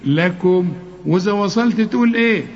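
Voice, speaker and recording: A man with an Egyptian Arabic accent teaching Quran recitation rules, explaining step by step and slowly chanting the verse examples. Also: high voice. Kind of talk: tajweed lesson. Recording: lo-fi muffled recording.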